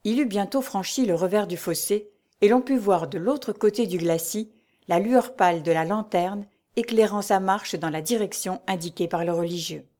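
A woman narrating a historical adventure novel aloud in a measured, even storytelling voice. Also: medium pitch. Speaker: audiobook reader. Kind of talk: scripted narration.

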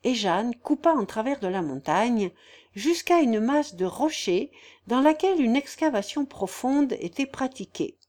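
A woman narrating a classic novel in a measured literary reading style. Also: fairly high pitch, animated, darkish tone.

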